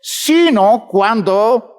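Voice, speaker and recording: A man preaching a sermon, emphatic and measured, speaking to the congregation as brothers and stretching words for emphasis. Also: high voice, animated, a little mellow, clean tone.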